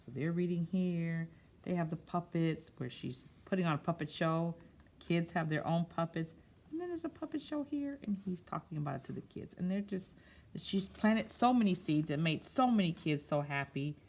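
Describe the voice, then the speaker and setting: Reading a picture book aloud to children, a woman storyteller draws out phrases expressively and stops to give simple, casual explanations. She has a lowish, darkish voice and speaks expressively at a normal speed.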